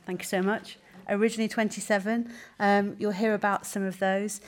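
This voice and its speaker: A woman steps up to introduce a young poet she has mentored, speaking in a mid-pitched, everyday voice. She chats loosely, with small hesitant fillers between her thoughts, inside a cathedral. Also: little pitch movement, fairly quick. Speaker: poetry mentor introducing a reader. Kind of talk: spoken introduction at a reading.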